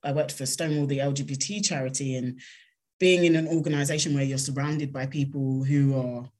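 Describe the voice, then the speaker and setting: A woman with a South London accent answering interview questions in an earnest, measured, conversational way. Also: very deep voice, steady tone, a little mellow. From South London, England. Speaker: interview guest, consultant.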